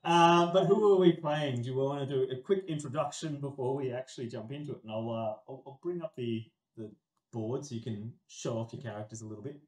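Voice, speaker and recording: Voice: mid-range voice, a little fast, darkish tone, reverberant, low-quality recording. A stream host opening a casual game night, chatty and laughing often between filler-filled sentences.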